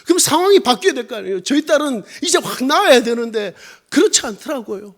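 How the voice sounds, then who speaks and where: A man's voice: extremely high pitch, big pitch swings, fast talker, a bit bright. A man with a Busan accent preaching a sermon as a missionary. He speaks emphatically, asks rhetorical questions and calls out hallelujahs. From Korea.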